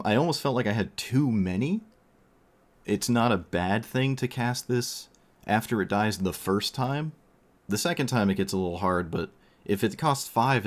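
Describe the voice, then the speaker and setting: A man streaming a card game, thinking aloud in casual commentary while losing his voice. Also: deep voice.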